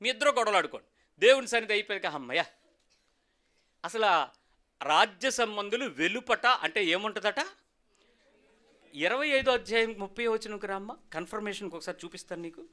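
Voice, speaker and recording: A man preaching in a church, talking fast in a high, bright voice. He keeps firing questions at his congregation to drive each point home. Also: animated. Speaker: pastor. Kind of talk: sermon.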